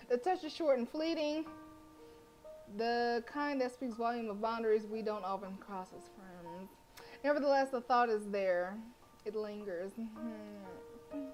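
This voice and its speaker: While streaming a visual novel, a woman with a fairly high voice reads the text out loud and fires off loud, swearing, slang-heavy trash talk in an animated way. The recording sounds rough.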